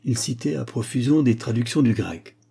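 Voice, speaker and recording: Man with a dark, husky voice. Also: mid-range voice, animated, normal speed. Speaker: audiobook narrator. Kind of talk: scripted narration.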